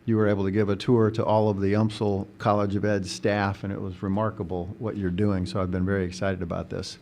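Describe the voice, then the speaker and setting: Running a scripted introduction and then an interview, this education podcast host and recruitment coordinator sounds earnest and friendly, slipping in a few fillers. His lowish, darkish voice keeps a level tone and moves a little fast. There is a slight hiss or hum in the audio.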